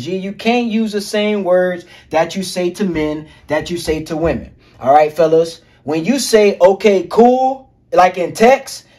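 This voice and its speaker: Addressing viewers as fellas and G, a self-improvement coach walks men through social skills in an upbeat, casual monologue loaded with curses and slang. His voice sits high.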